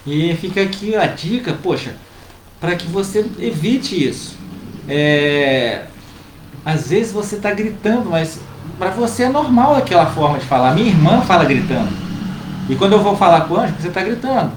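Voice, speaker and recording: A man, co-hosting a casual advice chat and calmly explaining to viewers. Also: high-pitched, normal speed. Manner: calm, explanatory, addresses viewers directly. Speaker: co-host giving family advice. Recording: roomy with faint background noise.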